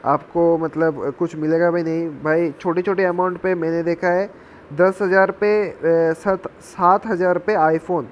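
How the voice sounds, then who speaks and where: A young man telling a casual warning story in a vlog. He is chatty, drops in English phrases, and keeps calling his listeners "bhai". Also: on the high side. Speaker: gaming channel creator. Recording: slightly dull audio with faint background noise.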